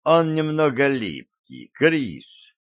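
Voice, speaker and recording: Man reading Archer, a slow calm schemer. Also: medium pitch, dry recording, dull audio, pitched above the performer's own voice, exaggerated voice. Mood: calm scheming. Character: bitter male schemer Archer, calm and smiling.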